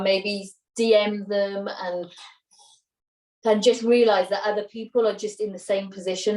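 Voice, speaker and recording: A Welsh woman in her thirties talks loosely in a casual interview, rambling and restarting her sentences. Her voice sits at a middle pitch. It sounds roomy and slightly distant from the microphone. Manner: chatty, rambling, with many fillers and restarts. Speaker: interview guest, mother. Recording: roomy sound, voice a little off-mic.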